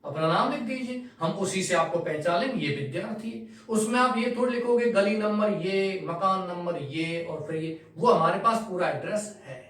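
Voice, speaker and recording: In a classroom lesson recorded from a distance in an echoey room, a male teacher explains step by step, asking and answering his own questions. His voice is high and a bit bright, at a moderate pace with few pauses.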